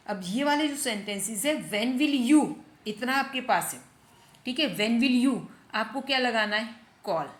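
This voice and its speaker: A woman's voice: mid-range voice, fairly bright tone. Woman teaching English, echoey room. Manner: slow, drilled English example sentences with Hindi explanations; repeats phrases and asks rhetorical checks. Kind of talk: spoken English lesson.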